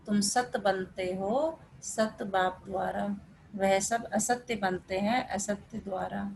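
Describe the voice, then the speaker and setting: A woman's voice: mid-range voice, vocal fry, a little hiss or hum, rough recording. A woman teaching a spiritual class over a video call, explaining a scripture reading patiently with everyday examples. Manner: explains patiently with everyday examples, code-switching into English words.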